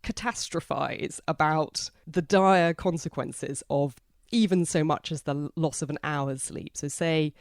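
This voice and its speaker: Brief: woman, low-pitched, lively book-club chatter, dry close mic. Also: unhurried, dry recording. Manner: chatty, animated, reads quotes aloud. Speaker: book club podcast host. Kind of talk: casual book discussion.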